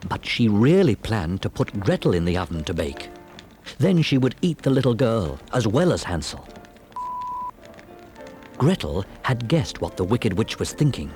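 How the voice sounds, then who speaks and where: A man narrating a children's fairy tale on a storybook cassette with an expressive, dramatic delivery. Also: lowish voice, normal speed, faint music behind.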